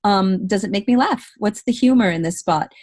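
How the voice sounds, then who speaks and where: A voice-over coach and workshop host teaches informally, explaining with emphasis and frequent rhetorical questions. Her mid-range, darkish voice moves at a moderate pace, recorded at studio quality with no room sound.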